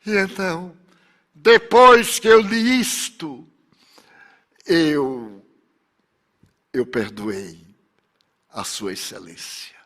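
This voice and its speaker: A man's voice: high voice, fairly bright tone, exaggerated voice. A man voicing a solemn grieving woman survivor. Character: grieving woman survivor who forgives her tormentor.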